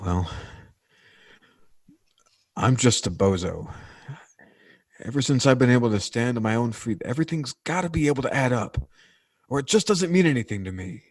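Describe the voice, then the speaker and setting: Halting and unsure, a male actor voices a plain-spoken North American laborer in a 1940s radio drama, groping for slangy words while earnestly indignant about the wealthy. His medium-pitched delivery has lively intonation. The audio is dry and close-miked, with no room sound.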